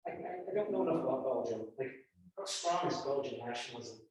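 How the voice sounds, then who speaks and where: A man's voice: mid-range voice, fast. An American man, a university professor, giving an online lecture over a video call, acting out his examples. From United States. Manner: animated, acts out examples. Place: indoors, remote class. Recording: echoey video call audio.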